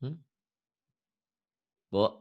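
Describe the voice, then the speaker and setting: A middle-aged man teaching Quran reading in an online lesson, explaining patiently in a chatty way and chanting recited verses slowly. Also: dark tone, dry recording, highs cut off.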